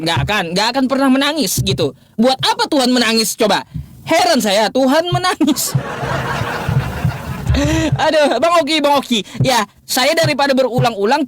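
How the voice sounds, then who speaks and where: A man's voice: sits high, fairly bright tone. A man in a live-streamed religious debate, asking mocking, repeated rhetorical questions with laughter and stopping often to fiddle with his laptop. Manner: pauses, restarts and fumbles with his laptop.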